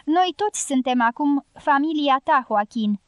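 A calm foreign fighter who reassures the others, as a woman reads him out. The voice stays high and close, with a dry, roomless sound. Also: no room sound. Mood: reassuring.

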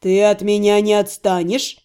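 A woman voicing an arrogant, cruel young male necromancer in an audiobook, with a low, menacing, self-satisfied drawl. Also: unhurried, darkish tone, close to an everyday voice.

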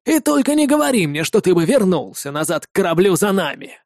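A man's voice: sits high, big pitch swings, fairly quick, dry recording, studio quality. A man voicing a stern, devout old viking warrior who talks bluntly and barks his words. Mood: calm rebuke. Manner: gruff, barking. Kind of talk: audiobook character voice.

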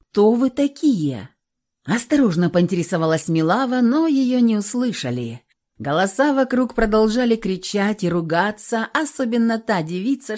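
A woman narrating a fairy-tale audiobook in an expressive storytelling manner. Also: on the high side.

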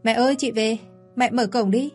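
A woman voicing a protective, hot-tempered teenage younger brother in a spoken audio story, pitching her voice up. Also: normal speed, darkish tone, faint music behind, natural voice. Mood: pleading. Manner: pleading, upset.

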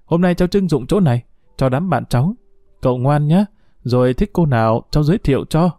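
A man voicing a lively teenage girl who teases and bosses her uncle. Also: a little high, a little fast, no echo, clean studio sound, close to an everyday voice. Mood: bossy teasing. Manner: playful, teasing, commanding.

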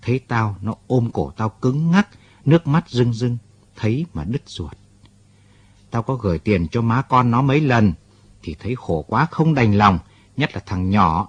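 A man's voice: mid-range voice, breathy edge, no echo, dull audio. A man voicing an agitated middle-aged man telling a painful story. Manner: upset, pours out his story.

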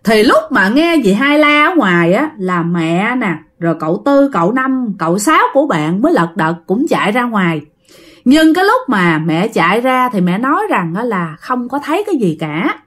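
A Southern Vietnamese-accented woman tells a spoken ghost story, chatting away and often addressing her audience head-on. Her voice is fairly high-pitched, fairly bright and very animated, at a normal pace.

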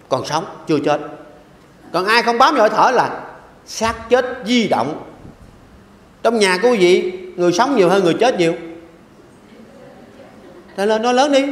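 An older man, a Buddhist monk giving a sermon who asks his listeners questions and repeats his phrases. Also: sits high. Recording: echoey hall with long reverb.

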